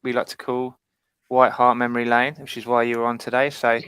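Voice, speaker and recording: A man hosting a casual football fan panel with a bright, crisp voice. He banters and teases the guests while steering the chat. The sound is dry and close. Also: medium pitch, flat delivery, a little fast, no echo. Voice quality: bantering, teasing. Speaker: host.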